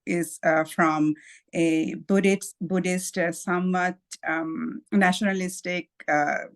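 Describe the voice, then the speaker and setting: A woman's voice: fairly low pitch, steady tone. Thoughtful woman guest from Sri Lanka. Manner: thoughtful, measured, with hesitations and light laughs. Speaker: guest author. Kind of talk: podcast interview.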